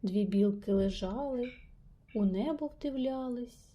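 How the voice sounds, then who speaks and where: A woman reading a rhyming children's story aloud with lively, playful emphasis. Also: fairly high pitch, a little slow, lo-fi sound. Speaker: reader.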